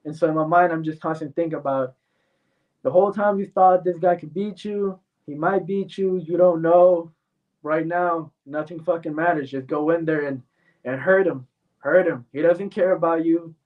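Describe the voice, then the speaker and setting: A male MMA fighter born in Mexico fields interview questions confidently and bluntly, with frequent fillers, in a slightly high voice at a moderate pace. Distant, tinny audio resembling a phone call carries his words.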